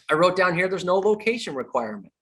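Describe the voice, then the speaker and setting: In a high, somewhat bright voice, a middle-aged man coaches a real estate sales training session. He hammers home his main points through repetition, speaking emphatically and trading jokes with the audience.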